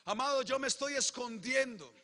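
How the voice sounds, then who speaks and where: The long reverb of a big church hall carries this Colombian pastor's testimony, delivered at a moderate pace in a very high, tense, bright voice. Impassioned throughout, he shifts between quiet retelling and shouted declarations.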